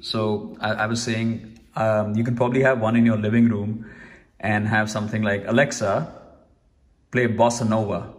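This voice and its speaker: A tech reviewer gives a casual, rambling product review from a room at home, chatty and full of restarts. His voice is fairly low-pitched with little pitch movement and a moderate pace.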